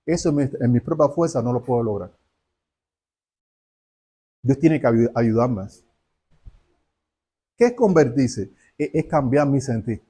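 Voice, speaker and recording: A man's voice: mid-range voice, animated, measured pace, long pauses, warm tone, slightly rough. A man preaching a sermon, asking rhetorical questions and acting out little dialogues.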